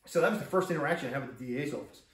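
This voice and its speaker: A middle-aged police officer talks quickly and rambles through his account. He keeps repeating himself and restarting his sentences. He sits a fair way from the mic in an echoey room. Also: a little high, animated, far from the mic. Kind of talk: casual first-person account.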